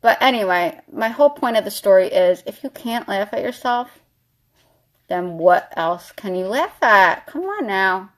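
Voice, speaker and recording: A woman's voice: medium pitch, expressive, measured pace. A woman vlogger chatting animatedly, telling a story while doing her makeup.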